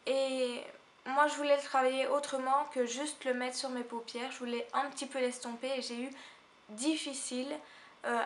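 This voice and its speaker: A woman's voice: a little high, a bit bright, a little hiss or hum. Chatty Belgian woman vlogging. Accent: Belgian French. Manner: chatty, hesitant, often trailing off and correcting herself. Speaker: beauty vlogger. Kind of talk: casual makeup review to camera.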